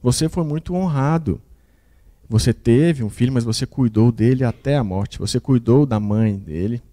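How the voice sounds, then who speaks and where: A man voicing a grown son who gently reassures his father, in a mellow tone. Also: medium pitch, moderate pace, lightly acted. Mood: reassuring.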